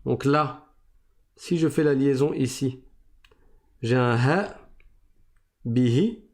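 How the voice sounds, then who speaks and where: Slow, deliberate man teaching recitation. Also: medium pitch, a little mellow. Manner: slow, deliberate explaining, repeats rules. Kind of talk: classroom lesson on tajwid.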